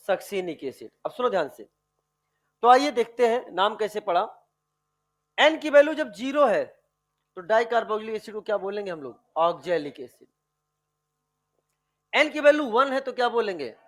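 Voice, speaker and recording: High-voiced man quizzing a chemistry class. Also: very animated. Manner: quizzing students with repeated questions, drawn-out key words; affectionate, calls students dear children. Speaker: chemistry teacher. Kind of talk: classroom lecture with online students.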